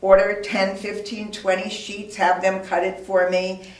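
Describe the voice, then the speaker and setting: A woman's voice: medium pitch, level tone, a little slow. A woman giving an informal instructional talk as a business owner, offering practical advice in an emphatic way. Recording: roomy, echoey, distant microphone.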